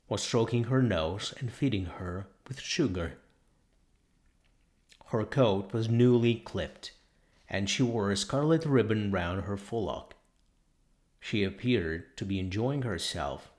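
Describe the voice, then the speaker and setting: A man with a lowish voice narrates a literary story as an audiobook, phrasing it in a measured, deliberate and dramatic way.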